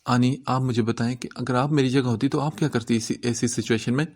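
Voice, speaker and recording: A man reading the part of a gentle, tearful young wife in a novel, soft and pleading. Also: mid-range voice, fairly even intonation, lightly acted.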